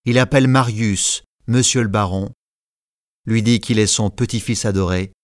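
Low-pitched man reading a storybook audiobook, measured and clear, dry close mic. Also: dry recording. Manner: measured storytelling, voices characters lightly. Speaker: narrator. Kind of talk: scripted narration.

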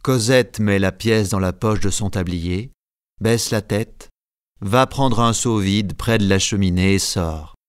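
Male narrator, measured storytelling read, dry close mic. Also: on the low side, clear, resonant tone, no echo. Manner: calm, measured reading. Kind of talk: scripted audiobook narration.

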